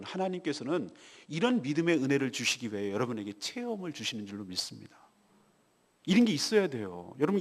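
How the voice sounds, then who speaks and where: Lively pastor in a reverberant church. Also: male voice, a little high. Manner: storytelling, confessional, swings from hushed to loud. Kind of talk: morning devotional sermon. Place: church sanctuary. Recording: long reverb of a church hall.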